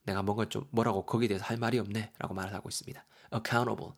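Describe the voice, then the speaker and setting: A man's voice: fairly low pitch, fairly even intonation, fast talker. A man teaching English vocabulary in a casual, chatty way, spelling words out letter by letter and reading example sentences aloud.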